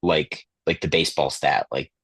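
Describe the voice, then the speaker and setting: A man with a very low, husky voice hosts a casual film podcast. He rambles and hesitates, leaning on fillers as he talks. The sound is dry and close. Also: normal speed, fairly bright tone, no room sound. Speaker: podcast host. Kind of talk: casual chat about film awards.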